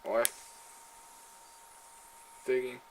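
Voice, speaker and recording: A man giving excitable live commentary while playing a shooter game, swearing and trash-talking his opponents. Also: slight background noise.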